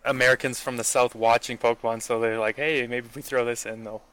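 A man co-hosting a podcast, talking casually in a halting, exasperated way with restarts and repetition. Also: medium pitch, level tone, fairly bright tone, low-quality recording. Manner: exasperated, halting, repeats himself. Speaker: podcast co-host. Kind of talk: casual chat.

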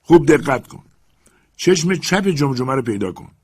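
A man's voice: medium pitch, very animated, slightly rough, voice pushed up. Man doing a feverish commanding master. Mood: urgent, commanding. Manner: loud urgent shouted commands. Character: excitable obsessed male master, commanding.

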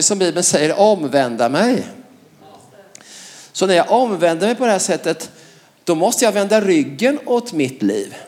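Preacher guy, pretty high voice, fired up and emphatic, keeps tossing in little laughs. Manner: lively and emphatic, laughs between phrases, frequent "va?". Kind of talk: sermon.

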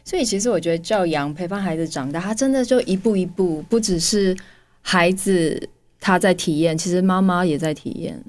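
A woman with a Taiwanese Mandarin accent hosting a podcast, calmly reflecting on the guest's stories. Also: fairly low pitch, moderate pace. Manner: calm, thoughtful, sums up the guest's stories. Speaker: podcast host. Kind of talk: reflective interview chat.

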